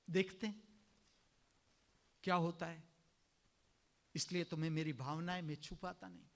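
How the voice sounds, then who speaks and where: A man from India giving a sermon as a spiritual teacher, slow and emphatic, often clearing his throat. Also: fairly high pitch, steady tone, fairly bright tone.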